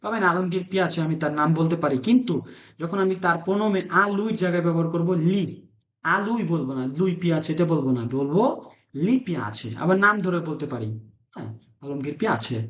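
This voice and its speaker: Male online language teacher, high voice, echoey video-call sound, repeats and quizzes. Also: a little fast, fairly bright tone, lo-fi sound. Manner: repeats words and phrases for students; asks students questions. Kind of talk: online class lesson.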